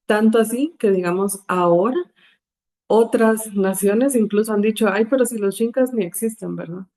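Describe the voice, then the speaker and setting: A woman from Guatemala City with a Guatemalan Spanish accent, a psychologist speaking as a podcast guest in a measured, reflective way. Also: medium pitch, mellow. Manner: measured, reflective, uses fillers like digamos. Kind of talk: podcast interview answer.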